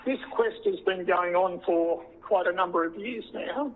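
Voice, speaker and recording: Over a tinny, band-limited teleconference phone line, with a little hiss or hum, an Australian witness speaks formally in a measured, halting way. He directs a tyre safety body, and his high voice is croaky, froggy, and hoarse following throat surgery.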